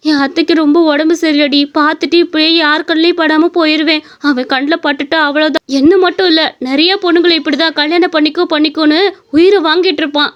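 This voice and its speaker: A woman voicing a frightened young woman in a cartoon story, confiding in a hushed, fearful way. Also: sits high, steady tone, quick pace, natural voice. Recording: dull lo-fi recording.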